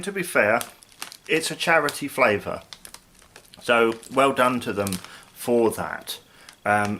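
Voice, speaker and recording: British man, thirties, casual video host, thinking aloud, slightly hesitant, mid-pitched voice. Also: pushed and bright. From United Kingdom. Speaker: snack review video host. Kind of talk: casual chat to camera. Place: small living room, indoors.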